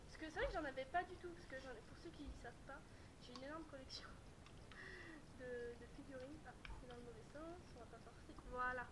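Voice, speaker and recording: A woman with a high voice chats eagerly to her viewers as she opens a parcel, excitable and quick to laugh. A low rumble and steady noise run under her home recording. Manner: chatty and excitable, laughing often. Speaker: YouTuber. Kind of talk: casual unboxing chat.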